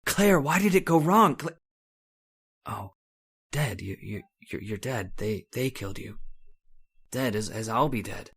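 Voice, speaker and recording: Heavily acted, the voice is medium-pitched, a bit bright and husky, with lively intonation, a measured pace and long pauses. The man portrays an obsessive, domineering, bitter chemist in old-time radio horror, his speech broken, repetitive and brooding, haunted and despairing.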